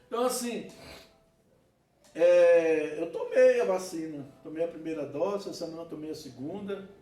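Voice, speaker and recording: Brazilian pastor guy, high lively voice, preaching away, echoey church heard from a distance. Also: normal speed. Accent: Brazilian Portuguese. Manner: animated preaching with laughter and asides. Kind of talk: sermon. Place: church hall.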